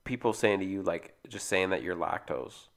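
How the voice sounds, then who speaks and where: A man with a very deep voice chats casually as a podcast co-host. He keeps his replies short and relaxed, and his pitch rises and falls freely as he talks. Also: moderate pace. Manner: laid-back, short agreeing replies. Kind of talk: casual chat.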